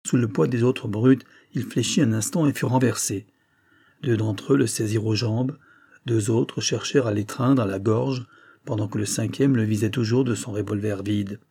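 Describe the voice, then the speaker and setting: Husky dark-voiced male narrator. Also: fairly low pitch. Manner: steady, measured storytelling. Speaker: audiobook narrator. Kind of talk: scripted narration.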